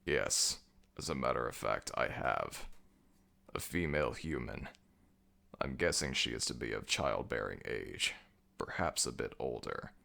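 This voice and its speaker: In an ASMR audio roleplay, a man plays a commanding, brooding ancient jackal god of the dead, delivering his lines slowly and imperiously. His very deep, gravelly voice is expressive, sharp-toned and heavily acted, with a grave, explanatory mood.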